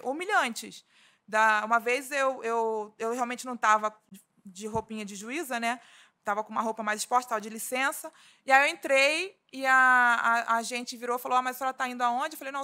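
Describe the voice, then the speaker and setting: A woman's voice: on the high side, fairly quick, sharp tone. A woman from Rio de Janeiro, a labor judge, giving an earnest seminar talk and often restarting her sentences. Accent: Rio de Janeiro Portuguese. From Rio de Janeiro, Brazil. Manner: earnest, with frequent restarts and fillers. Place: conference hall.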